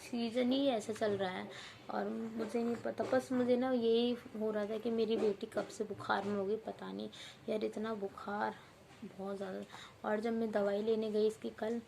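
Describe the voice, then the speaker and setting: A young mother with a hoarse voice, tearfully vlogging about her sick baby. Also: medium pitch, level tone, a little slow, a little hiss or hum. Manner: tearful, worried, talking softly to her baby. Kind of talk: emotional home vlog.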